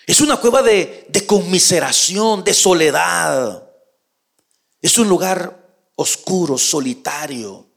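A man preaching a sermon, speaking to the listener as his brother, shifting between hushed, slow passages and loud, emphatic ones. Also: on the high side, creaky, slightly rough.

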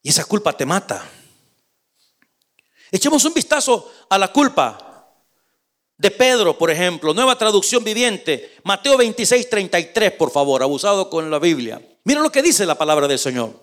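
A man's voice: high-pitched, sing-song, moderate pace, fairly bright tone. A man preaching a sermon, reading scripture aloud and speaking dramatically to the congregation. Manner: dramatic, reads scripture aloud and acts out quotes; addresses the congregation directly.

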